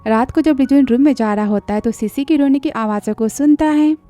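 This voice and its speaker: A woman retells a drama's plot in a high voice, quick to slip into the characters' lines. Her tone is mellow and a little dark. The close, dry voice-over has faint music behind it. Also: dry recording. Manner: retells the plot in a chatty way, briefly acting out each character's lines. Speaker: drama recap narrator. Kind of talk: storytelling recap of a drama.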